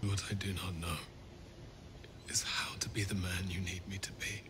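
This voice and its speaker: An actor playing a brooding young nobleman husband in a period drama, speaking quietly and earnestly. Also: low-pitched, little pitch movement, moderate pace, background noise, close to an everyday voice.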